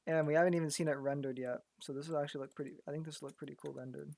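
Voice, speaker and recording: A man's voice: a little high, steady tone, very fast, vocal fry, a little mellow, no echo. Guy talking thru his art project, kinda losing his voice, keeps repeating words, just chatting. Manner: thinks aloud, stammers and repeats words. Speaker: graphic artist. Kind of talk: casual commentary while working.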